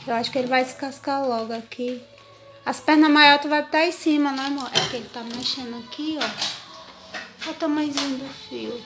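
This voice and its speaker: This home vlogger, a woman with a Brazilian accent, talks to her viewers from her kitchen at home, casually showing and explaining as she goes. Her voice is high and steady and fairly quick, there's music behind her, and she records on a handheld phone or camera.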